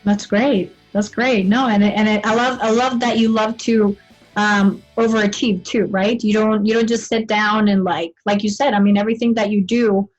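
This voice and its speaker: A woman's voice: mid-range voice, fairly even intonation, normal speed, faint music behind. A woman with a Spanish accent hosting an interview, encouraging and often adding "right?". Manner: encouraging, keeps tagging "right?". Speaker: host. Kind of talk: casual interview chat. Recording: dull lo-fi sound.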